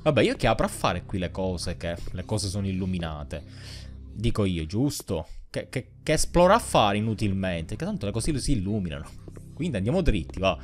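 An Italian man gives playful, sarcastic commentary on a horror game he's playing, talking straight back to the ghost. His pitch swings widely as he reacts. Faint music plays behind him. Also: very animated, moderate pace. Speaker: gaming YouTuber.

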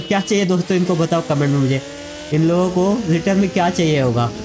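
A man giving chatty let's-play commentary, talking straight to his viewers as friends. His voice runs high for a man, and steady game noise sits clearly under it. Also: a little fast. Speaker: gaming YouTuber.

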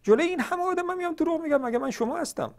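A man's voice: very high-pitched, expressive. A man from northern Iran hosting a religious question-and-answer show, arguing emphatically with many rhetorical questions. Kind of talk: televised polemical monologue.

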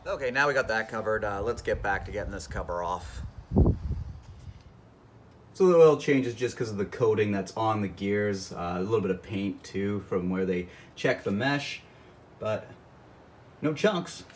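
A man's voice: lowish voice, expressive, moderate pace. Chill car guy in his 30s vlogging from his home garage, phone at arm's length, bit of background hum. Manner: laid-back, enthusiastic car talk. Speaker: car channel host. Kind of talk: casual garage vlog. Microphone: phone camera at arm's length.

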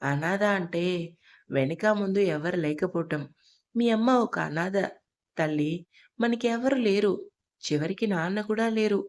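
Woman doing soft gentle young mom, quiet, a bit sad, audio story. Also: on the low side, unhurried, long pauses. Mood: tender. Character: tender young single mother, quietly sad.

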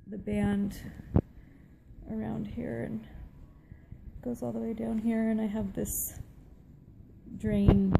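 A middle-aged woman giving a casual update to camera, sounding tired, subdued and weak after surgery, with a gravelly, low-energy voice. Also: flat delivery, slow, heavy background noise. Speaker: vlogger. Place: small room at home, seated indoors. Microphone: phone at arm's length.

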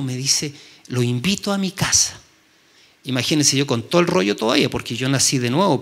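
A middle-aged Chilean pastor preaches in a church, telling his own story in a halting way full of restarts. His voice has a gravelly edge and sits a little high for a man. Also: fairly bright tone. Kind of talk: sermon.

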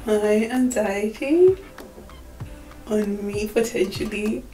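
A woman's voice: medium pitch, takes it slowly, warm tone, echoey room, soft background music, poor audio. A woman of twenty-four, chatting candidly to camera with many fillers and frequent laughs. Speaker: vlogger. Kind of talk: casual chat to camera. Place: small room indoors. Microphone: camera on tripod.

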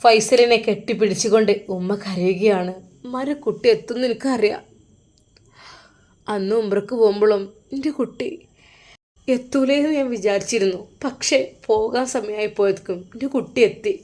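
Woman putting on a soft, doting old mother. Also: normal speed, lightly acted. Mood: tearful. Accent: Malappuram Malayalam. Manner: soft, lowered and tender. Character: affectionate elderly mother, doting and emotional.

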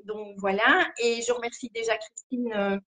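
A woman's voice: on the high side, steady tone, normal speed, sharp tone. A woman in her fifties from Belgium with a Liège accent, a guest clairvoyant talking hesitantly on a video call. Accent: Liège Belgian French. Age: 50s. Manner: hesitant, many fillers, laughs nervously. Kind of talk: casual live-stream chat.

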